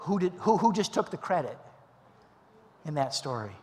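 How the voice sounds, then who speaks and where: A middle-aged male pastor preaching a sermon, telling a story in a lively way and acting out the dialogue. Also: a little high, normal speed. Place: church sanctuary. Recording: long church hall reverb.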